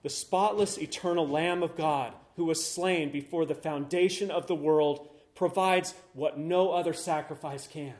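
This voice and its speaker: A man preaching a sermon, slow, solemn and emphatic, pausing between phrases. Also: fairly high pitch, darkish tone. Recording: roomy echo.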